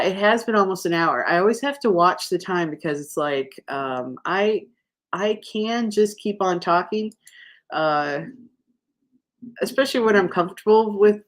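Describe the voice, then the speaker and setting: Running a live crochet stream, a woman rambles in a relaxed, chatty way, full of fillers and restarts and quick to laugh. Her voice is on the low side.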